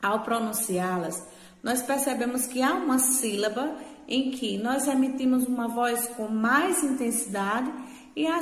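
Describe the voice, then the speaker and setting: A Brazilian woman teacher giving a remote lesson, talking patiently, repeating words slowly and checking in with short tag questions. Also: fairly high pitch. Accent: Brazilian Portuguese. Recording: echoey room with long reverb.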